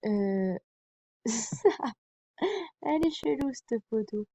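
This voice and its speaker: A woman's voice: a little high, expressive, drawn-out words, warm tone, dry recording. A young woman presenting a TV series to her viewers in a casual fan vlog, hesitant and full of fillers and apologies. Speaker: fan vlogger.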